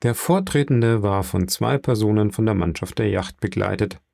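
A man reading a classic novel aloud as narrator, steady and measured, close to the microphone. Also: fairly low pitch, gravelly, no echo. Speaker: audiobook narrator. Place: coworking space.

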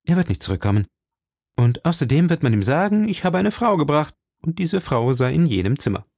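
A man voicing a bold young swordsman who speaks briskly and earnestly to the woman he protects. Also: on the high side, big pitch swings, gravelly, darkish tone, no room sound, clean studio sound, pitched above the performer's own voice, full character voice. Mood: reassuring. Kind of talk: audiobook character voice.

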